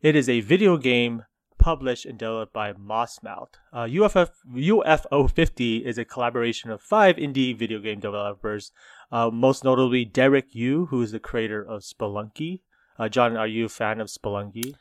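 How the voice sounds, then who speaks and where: A man's voice: medium pitch, normal speed, no room sound. Upbeat man hosting a podcast, dry mic. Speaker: podcast host. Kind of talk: casual podcast chat.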